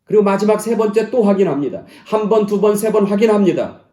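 A male pastor giving a sermon, climbing to loud, high exclamations and then dropping to soft, near-whispered lines. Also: quick pace, reverberant. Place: church sanctuary.

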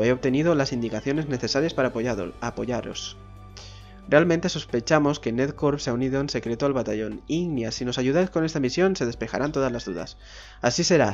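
A man's voice: mid-range voice, darkish tone, muffled recording. A man reads game dialogue aloud in a gameplay video. Between the lines he makes casual asides and swears mildly when frustrated. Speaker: gameplay commentator.

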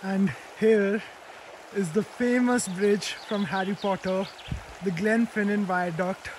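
A man's voice: sits high, steady tone, takes it slowly, background noise. A man in his twenties vlogging his travels, talking straight to his viewers with eager enthusiasm. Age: 20s. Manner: enthusiastic, talks directly to viewers. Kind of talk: casual travel vlog to camera. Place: outdoors and in a rented cottage while travelling.

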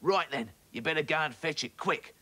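A man's voice: a little high, moderate pace, pushed and bright, voice pushed up. Lazy bully octopus, bossy and demanding, voiced by a male narrator. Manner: bossy, greedy.

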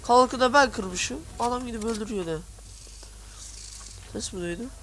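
A woman's voice: fairly high pitch, normal speed, noisy background. A woman giving casual gameplay commentary, muttering to herself, swearing, and breaking into sudden yelps. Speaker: gamer. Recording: game sounds loud behind the voice.

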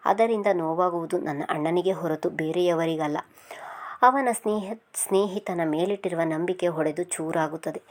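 A woman's voice: lowish voice, lightly acted. Woman voicing a defiant young woman refusing love. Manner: firm, reproachful.

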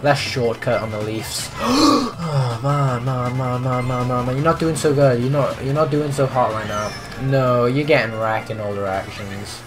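A man's voice: medium pitch, normal speed, hardly any pauses, over music. A teenage boy streaming a racing game and chatting with viewers, his breaking voice cracking as he goes. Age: teens. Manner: excitable, chatty, prone to voice cracks. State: voice breaking with puberty. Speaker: gaming streamer. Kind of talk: live gameplay commentary.

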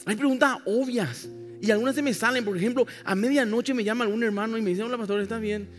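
Faint music and a long church-hall reverb surround a pastor whose voice is very high and quick. He preaches with emphasis, dropping ironic remarks and side comments to his congregation.

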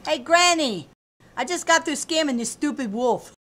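A woman's voice: high-pitched, animated, normal speed, fairly bright tone. A woman voicing a brash, streetwise young girl who runs cookie scams, in a comic radio play. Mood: sassy. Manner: brash, sassy, mocking.

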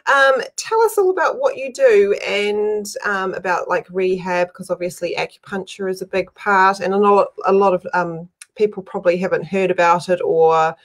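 A woman's voice: mid-range voice, moderate pace, few pauses. A woman hosts a friendly, chatty interview over a video call, with plenty of fillers. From New Zealand. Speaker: host. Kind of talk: casual interview chat. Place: indoor room at home.

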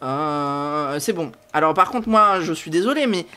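A man's voice: fairly high pitch, lively intonation, a little slow, bright, forceful tone, smooth, soft background music. A man streaming a mystery game from his computer, thinking aloud in a rambling, hesitant way with many fillers and restarts, joking and getting sidetracked. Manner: jokey, self-talking, easily sidetracked. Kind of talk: live-stream gameplay commentary.

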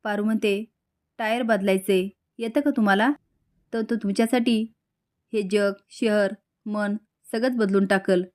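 A woman's voice: medium pitch, fairly even intonation, unhurried, long pauses, a little mellow. A woman narrating a television serial recap, reading each character's lines aloud in her own plain voice. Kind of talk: storytelling episode recap.

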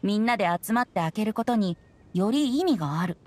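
Over game music, a woman performs an anime game character, a sly and carefree young boy bard, with a light, boyish voice that teases in a breezy, knowing way. She speaks at medium pitch, a little fast and expressively, with a darkish, natural-sounding tone.

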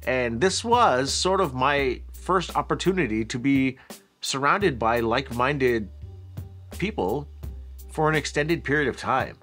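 A man's voice: mid-range voice, unhurried, soft background music. Canadian guy telling his trip story for his vlog, laid back and chatty. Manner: relaxed, chatty, frequent fillers. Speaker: vlogger, headphone reviewer. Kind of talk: casual vlog narration.

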